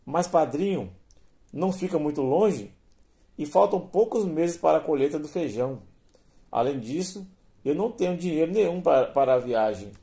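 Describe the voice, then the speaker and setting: A worried, earnest teenage farm boy, voiced by a man reading a storybook tale. He pleads in a slightly raised, hurried voice, with a mellow, soft tone underneath. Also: a little high, lively intonation, voice pushed up.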